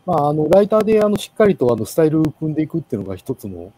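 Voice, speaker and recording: A man giving a casual presentation in an online meeting, with many pauses and fillers. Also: a little high, very animated, warm tone, husky, low-quality recording. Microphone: video call.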